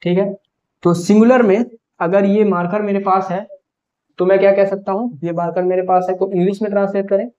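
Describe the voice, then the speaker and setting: A male teacher giving a grammar lesson for exam students, explaining step by step and slowing down to spell out example sentences. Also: high-pitched, fairly even intonation, darkish tone, muffled recording.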